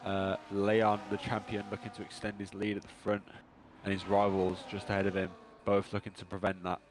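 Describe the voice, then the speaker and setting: A man co-commentating a live online race, steady and matter-of-fact. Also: on the low side, fairly quick, noisy background. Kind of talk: live sim racing commentary.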